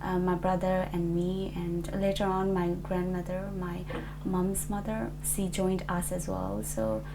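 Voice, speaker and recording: Gravelly-voiced young woman from Nepal. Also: on the low side, level tone, unhurried, noisy background. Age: 20s. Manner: hesitant, many fillers and restarts. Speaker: interviewee. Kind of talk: oral history interview.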